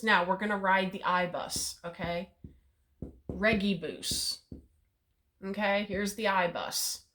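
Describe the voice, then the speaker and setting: A woman giving a casual video lesson at a whiteboard. She chats as she explains, says "okay" often and laughs at her own memory tricks. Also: lowish voice. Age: middle-aged. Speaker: Latin teacher.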